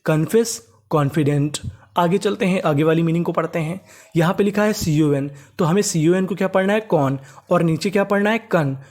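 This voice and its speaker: Patient teacher spelling words out. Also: male voice, a little high, darkish tone. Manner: spells words out letter by letter, then repeats them slowly; keeps asking the class rhetorical questions. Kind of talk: classroom-style reading lesson.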